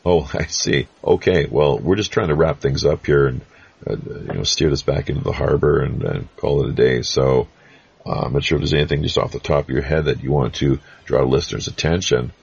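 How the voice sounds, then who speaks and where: A man's voice: a bass voice, fairly quick, creaky, a little mellow, breathy edge. A man hosting a podcast, rambling casually through past episodes with folksy pirate banter. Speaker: podcast host. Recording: dull lo-fi sound.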